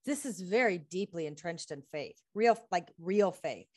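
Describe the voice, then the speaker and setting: A woman's voice: on the low side, expressive, a little slow, a little mellow. A woman from the United States, a healing practitioner and author, speaking earnestly as an interview guest, running through lists of questions and laughing often. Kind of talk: conversational interview.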